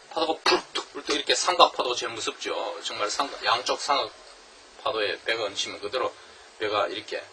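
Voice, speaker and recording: A man lecturing on a novel, asking rhetorical questions and reading English lines slowly. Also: lowish voice, far from the mic, background noise. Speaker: literature lecturer.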